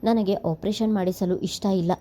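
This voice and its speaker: A woman's voice: mid-range voice, fairly even intonation, normal speed, dark tone, close to an everyday voice. Woman voicing a resigned, sorrowful sick son. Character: gravely ill young man, resigned elder son. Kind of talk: storybook reading.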